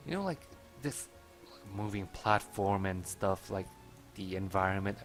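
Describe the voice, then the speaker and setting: A man's voice: sits low, a little slow. A man giving casual, musing gameplay commentary, somewhat hesitant. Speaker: game commentator. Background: faint game music.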